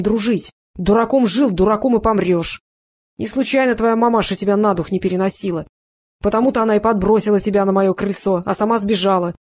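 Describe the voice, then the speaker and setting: A woman doing a loud brutal old gang father. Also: medium pitch, close to an everyday voice. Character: coarse brutal older male gang patriarch.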